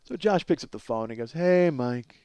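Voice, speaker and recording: Expressive and smooth, this man's medium-pitched voice has a dark tone and moves at normal speed. In his forties, he hosts a comedy podcast where he rambles through a self-deprecating, profane story, acting out both sides of the conversations.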